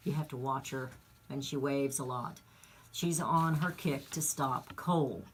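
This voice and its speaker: Woman, talk radio host, indignant monologue, lowish voice, emphatic, rambling. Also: fairly bright tone.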